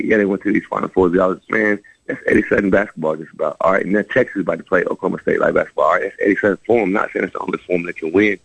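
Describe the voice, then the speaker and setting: Brief: very low, fast-talking man with a husky fry; rambling guest on lo-fi radio. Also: no room sound. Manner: rambling, animated, many restarts. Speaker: former college basketball player, guest. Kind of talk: storytelling in a radio interview.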